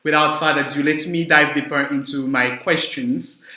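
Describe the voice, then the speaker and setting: A man's voice: fairly high pitch, steady tone, normal speed, sharp tone. A young man hosting a business podcast, speaking with many fillers and repeated words. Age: young adult. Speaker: podcast host. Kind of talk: podcast interview. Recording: echoey room.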